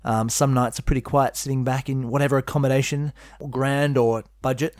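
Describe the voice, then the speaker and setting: A man's voice: medium pitch, steady tone, a little fast, darkish tone, dry recording, studio quality. A man co-hosting a casual podcast chat, joking and teasing his co-host with playful wordplay.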